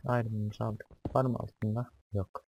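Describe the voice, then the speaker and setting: A man's voice: fairly low pitch, little pitch movement, a little slow, gravelly, a little mellow, a little hiss or hum. A young man doing casual let's-play commentary, talking to himself as he explores, swearing and jumpy at scares. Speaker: gaming YouTuber.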